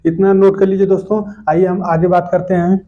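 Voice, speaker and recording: Man teaching spelling, slow and repetitive. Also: sits high, level tone. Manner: explains step by step, repeats each correct word slowly. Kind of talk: spelling lesson lecture. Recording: dull lo-fi recording.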